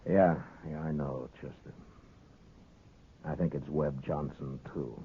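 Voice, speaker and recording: Deep husky american old west marshal, steady n laconic, crackly narrow old radio drama sound. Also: male voice, exaggerated voice. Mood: sober, pensive. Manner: measured, laconic, questioning. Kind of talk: 1950s radio western acting. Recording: muffled, narrow-band old radio recording.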